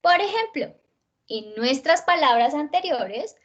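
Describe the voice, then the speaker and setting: A woman teacher with a Colombian accent giving an online spelling lesson, slowing down to stress words and often checking in with her listeners. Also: high-pitched, very animated, muffled recording. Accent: Colombian Spanish.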